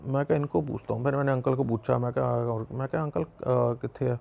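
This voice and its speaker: A man's voice: mid-range voice, quick pace, gravelly, darkish tone. A young Punjabi man with a Punjabi accent, telling a personal story in a casual, rambling way with many restarts. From Punjab, India. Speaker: podcast guest.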